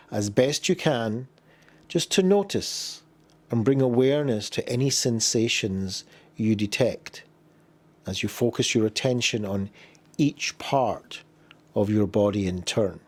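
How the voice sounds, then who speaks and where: A man guides a body scan meditation in a medium-pitched, animated voice. His instructions are gentle and unhurried, with pauses between phrases.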